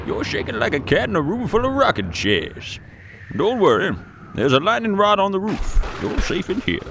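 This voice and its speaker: A man's voice: sits high, huge pitch swings, moderate pace, gravelly, background noise, full character voice. A man playing an old grandfather who tells a spooky tale to a grandchild in a playful, dramatic way. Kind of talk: storybook read-aloud.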